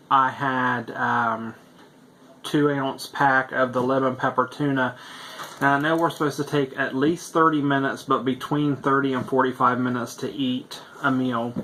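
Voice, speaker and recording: A man's voice: mid-range voice, pushed and bright, a little hiss or hum. A man talking in a casual video diary, rambling with lots of fillers while he eats. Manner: chatty and rambling, with many fillers; talks while eating. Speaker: vlogger.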